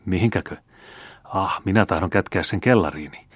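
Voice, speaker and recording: A man's voice: deep voice, slightly rough, dry recording. A man putting on a gold-obsessed old miser. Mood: grasping. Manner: urgent, obsessive pleading. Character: greedy gold-hungry old man, pleading then cursing.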